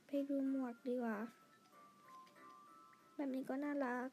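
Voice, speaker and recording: A woman chatting quietly through her game, pleading for lucky draws and gushing over outfits. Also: high voice, fairly even intonation, takes it slowly, soft background music. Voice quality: quiet, soft-spoken. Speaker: gamer narrating her play. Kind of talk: casual game commentary.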